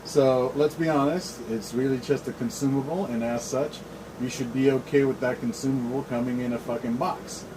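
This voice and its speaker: A man's voice: mid-range voice, normal speed. A middle-aged man bantering casually as a show host, blunt, opinionated and freely swearing. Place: shed. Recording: clear steady air-conditioner noise.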